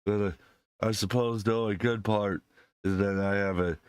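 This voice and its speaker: A man hosts his channel while ill, chatting casually with viewers in a voice deepened by sickness, with plenty of fillers and restarts. His intonation stays fairly even at a normal speed, the tone is clean with no echo, and the desk mic clips when he moves in too close.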